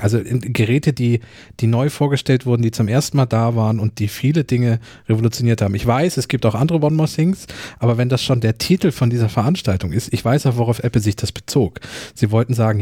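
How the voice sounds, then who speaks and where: A man's voice: medium pitch, mellow, no echo, clean studio sound. A man hosting a tech podcast, chatty and joking as he steers the talk. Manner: chatty, jokey, leads the discussion. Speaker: podcast host. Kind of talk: casual tech podcast chat.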